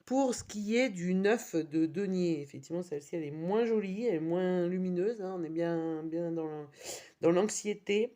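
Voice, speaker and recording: A woman's voice: on the low side, moderate pace, warm tone. Chatty woman reading tarot. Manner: chatty, reads card meanings aloud with wry asides. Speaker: tarot reader.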